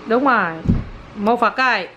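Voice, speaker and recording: A woman's voice: fairly high pitch, a little slow, highs cut off, very noisy. A woman, casually and playfully coaxing her small child as a mother, often repeating herself. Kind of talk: casual chat with her toddler.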